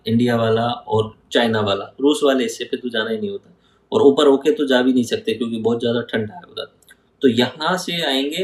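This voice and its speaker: Man teaching geography from a map, echoey room. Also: mid-range voice. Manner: asks and answers his own questions, pointing at a map. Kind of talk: map-based lecture.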